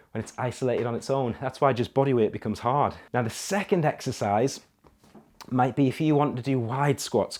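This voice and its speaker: A man's voice: mid-range voice, a little mellow. Man coaching a workout demonstration. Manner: coaching with frequent "right?" and "okay?" check-ins; counts reps aloud while exercising. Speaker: fitness coach. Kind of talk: exercise demonstration.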